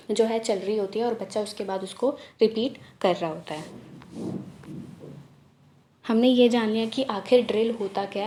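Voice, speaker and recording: A woman with a fairly high voice and a mellow, rounded tone teaches a lesson. She explains each point step by step with many fillers, and she reads the English headings slowly and deliberately. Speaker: teacher-training tutor.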